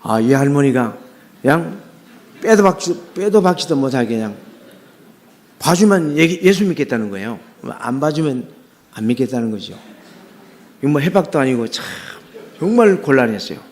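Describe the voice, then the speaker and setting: A man's voice: mid-range voice, sing-song, moderate pace, pauses often, a little mellow. A middle-aged man, a pastor, preaching a sermon as personal testimony, talking earnestly with many fillers and restarts.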